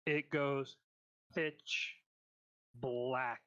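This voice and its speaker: A man narrating a tabletop role-playing game as game master, deliberate, with dramatic pauses. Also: mid-range voice, steady tone, a bit bright, clean tone, lo-fi sound.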